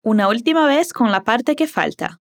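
A woman whose first language is Portuguese leads a Spanish lesson with a fairly high, very lively voice that rises and falls widely. She models each word slowly and carefully, then asks the listener to repeat after her. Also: gravelly. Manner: slow, careful modeling of words. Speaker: Spanish teacher.

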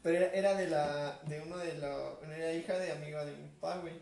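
Mexican man, high voice, quick storyteller, distant mic in an echoey room. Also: steady tone, creaky, a little mellow. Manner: slangy, says "güey" constantly. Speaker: podcast guest or co-host. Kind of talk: casual storytelling chat. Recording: roomy, off-mic, faint noise.

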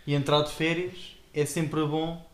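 A man's voice: a little high, flat delivery. Young Portuguese man leading a chat. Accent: European Portuguese. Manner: steers the talk, with quick agreeing replies. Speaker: podcast co-host. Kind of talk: casual chat. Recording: echoey room with faint noise.

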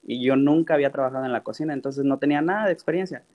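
A man, a guest in an interview, telling his story in a relaxed, animated way and acting out quoted dialogue. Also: medium pitch, very fast, lo-fi sound. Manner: repeats "literal" often. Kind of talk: casual storytelling.

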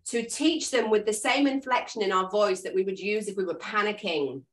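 An English woman hosting a casual video call for an association of dog trainers, chatty and expressive as she tells stories. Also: medium pitch, moderate pace. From England. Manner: chatty, expressive storyteller, self-described loud and noisy. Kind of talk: casual chat.

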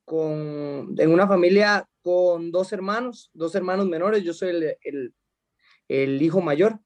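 A high-pitched man from Costa Rica, in his thirties, talks about his life as a fighter. He answers in a halting way, restarting his sentences and filling gaps with small sounds. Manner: hesitant, many restarts and fillers. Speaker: mixed martial arts fighter. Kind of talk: interview answers.

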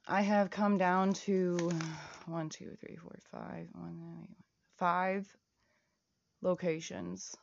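Woman doing a low-key solo audio diary, gravelly voice, dull dry lo-fi sound. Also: flat delivery, very slow, dry recording. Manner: rambling, reads out lists of places and prices; half-whispered at times.

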